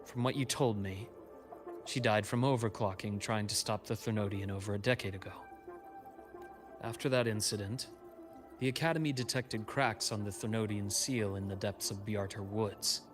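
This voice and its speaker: A secretive male informant in a video game, voiced by a man, speaking in a low, even register. He lays out plans slowly and deliberately, every line grave and measured. Faint game music sits underneath. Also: natural voice.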